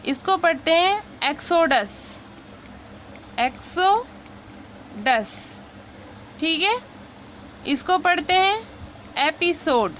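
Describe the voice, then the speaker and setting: A woman with a high voice walks through a pronunciation lesson, unhurried and patient, saying each example word slowly. A faint hiss of background noise sits under her voice. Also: fairly bright tone. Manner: patient, repeats each word slowly, frequent "theek hai". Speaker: English pronunciation teacher. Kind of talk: slow explanatory lesson.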